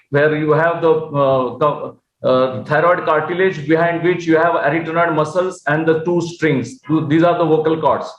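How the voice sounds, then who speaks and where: A man's voice: on the high side, roomy sound, dull audio. A man with an Indian English accent giving an online medical lecture, explaining as he goes with many fillers and restarts. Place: at home or in an office on a video call.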